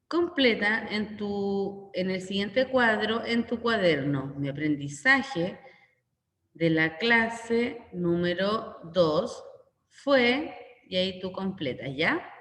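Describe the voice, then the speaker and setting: A woman's voice: mid-range voice, expressive, slow, fairly bright tone. A Chilean woman teaching a primary school lesson, going through the worksheet and repeating each question in plainer words. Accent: Chilean Spanish. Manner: instructional, repeats questions and explains. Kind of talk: recorded class walkthrough. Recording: echoey room with long reverb.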